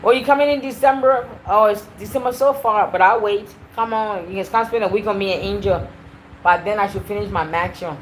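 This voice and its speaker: A woman hosting a casual livestream, chatty and animated as she talks straight to her viewers. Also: mid-range voice, brisk, slight background noise, poor audio. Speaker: livestream host. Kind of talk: casual live-stream chat.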